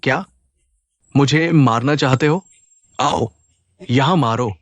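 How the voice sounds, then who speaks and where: A man's voice: slow pace, no echo. A man voicing an arrogant rich young man who taunts and bullies, talking in a sneering way. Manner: sneering, taunting, swinging pitch. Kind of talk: Hindi-dubbed short drama. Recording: dubbed dialogue over music.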